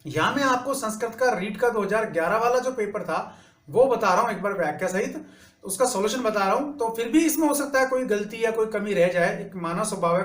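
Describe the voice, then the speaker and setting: High-voiced man explaining exam answers. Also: fairly bright tone, echoey room. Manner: methodical, steps through each answer and recites grammar rules slowly. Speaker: teacher.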